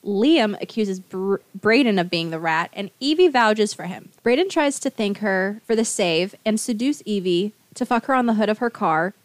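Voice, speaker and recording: A woman's voice: medium pitch, lively intonation, normal speed, few pauses, dry recording. A woman co-hosting a podcast, summarizing a novel's plot in casual chat with wry asides. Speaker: podcast co-host. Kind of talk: book recap, casual chat.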